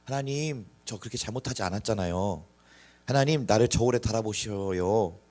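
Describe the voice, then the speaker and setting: A man's voice: fairly low pitch, moderate pace, a little mellow, close to an everyday voice. A male pastor voicing Job, an anguished righteous man who pleads with God in earnest. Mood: pleading.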